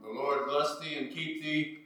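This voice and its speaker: A man intones solemn prayers and a blessing in a measured voice, slightly high for a man. His words ring out in a cathedral echo, heard from far back in the church. Organ music sounds clearly behind him. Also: little pitch movement. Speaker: officiant leading a church service. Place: large church.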